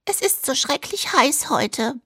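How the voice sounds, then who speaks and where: A woman voicing a lustful housewife from a dubbed sex film, with breathy, squealing, exaggerated moaning. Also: sits high, animated, a little slow, a bit bright, no room sound, studio quality, pitched above the performer's own voice, exaggerated voice. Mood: coy.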